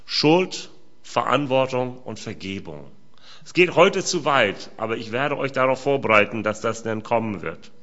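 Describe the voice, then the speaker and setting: A man's voice: medium pitch, animated, unhurried, a bit bright. A man preaching a sermon, reading scripture and asking his listeners direct questions. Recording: dull lo-fi sound.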